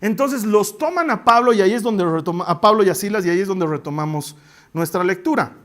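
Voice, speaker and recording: A man's voice: high-pitched, lively intonation, fairly quick, fairly bright tone. A man with a Bolivian accent preaching a sermon, retelling the story with humor and asides to his listeners. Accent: Bolivian Spanish.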